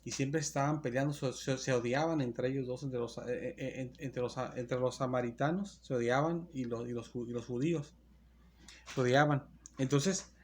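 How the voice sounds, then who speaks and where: Male pastor, mid-pitched, reads verses and explains them with stumbles and self-corrections, faint background noise. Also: steady tone, a little mellow. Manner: explains slowly, often restarting and correcting himself; reads Bible verses aloud and comments on them. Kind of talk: sermon. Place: church.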